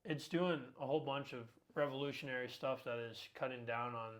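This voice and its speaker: A man's voice: mid-range voice, fairly quick, a bit bright. A man in his twenties co-hosting a casual podcast, talkative and upbeat, with plenty of ums and uhs. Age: 20s. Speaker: podcast co-host.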